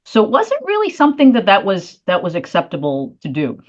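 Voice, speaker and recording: A woman's voice: mid-range voice, wildly swooping pitch, a little fast, dull audio. A woman from South Korea answering interview questions thoughtfully, with frequent fillers and restarts. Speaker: guest, leadership consultant.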